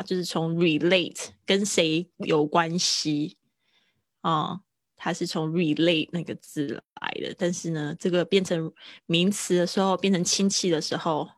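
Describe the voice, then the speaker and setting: A woman's voice: on the low side, no room sound, studio quality. A woman English teacher, giving a live-streamed lesson in a chatty, patient way with frequent laughter.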